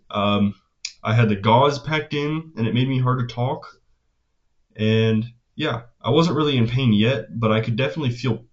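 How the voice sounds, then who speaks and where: A teenage young man talking casually in a personal vlog, with a hesitant, halting delivery and phrases that trail off. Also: mid-range voice. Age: teenager, about 16. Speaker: vlogger. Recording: dull, lo-fi sound.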